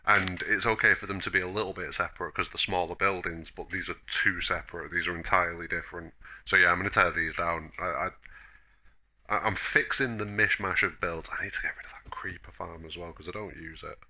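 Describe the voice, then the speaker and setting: A man hosts a casual gameplay tour in a low-pitched voice with a very sharp, bright edge. He sounds chesty from a cough and rambles along in a self-deprecating, mildly grumbling way. Faint noise and clicks sit behind him. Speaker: host of a gaming video.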